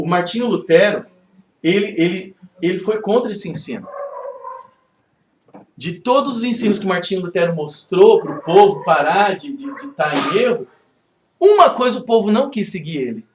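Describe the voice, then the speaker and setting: A male pastor with a fairly high-pitched voice teaches a Bible study in a lively, conversational way, often checking in with his listeners. The sound is roomy, with a faint hiss behind him. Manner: conversational, animated, rhetorical check-ins. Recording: echoey room, faint background noise.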